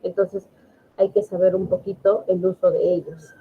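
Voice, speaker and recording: Over a video call with phone-like sound and a little hiss or hum, a woman teaching English online walks through grammar patiently and keeps checking comprehension. She speaks at a moderate pace in a lowish voice that barely moves in pitch.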